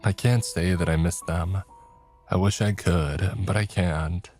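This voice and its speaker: A man with a very low voice narrates a first-person horror tale. He speaks in a slow, hushed way, while soft music plays faintly underneath. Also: steady tone. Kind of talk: scripted horror story narration.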